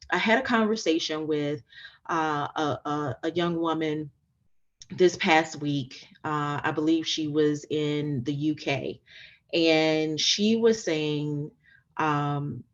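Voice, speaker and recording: A woman's voice: low voice, highs cut off. A woman hosting a podcast interview, talking in an enthusiastic, emphatic way and repeating her phrases for stress. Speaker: podcast host and coach. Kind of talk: casual interview chat.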